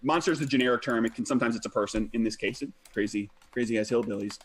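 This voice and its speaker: A man's voice: medium pitch, rapid-fire, husky. Man explaining game rules. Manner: relaxed, with many fillers. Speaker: game master.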